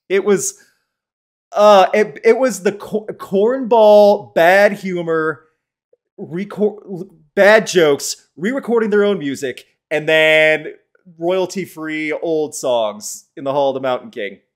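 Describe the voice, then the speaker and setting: A man's voice: sits high, slow. A man hosting a live-streamed podcast, talking in a chatty, opinionated way and answering the chat as he goes. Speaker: podcast host.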